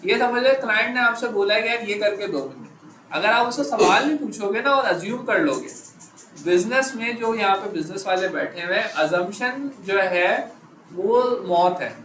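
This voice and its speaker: A man teaching a live class, quizzing his students and stopping often to check that they follow, slowing right down on the key phrases. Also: sits high, animated. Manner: slows down to stress key phrases. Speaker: instructor. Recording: echoey room, background noise.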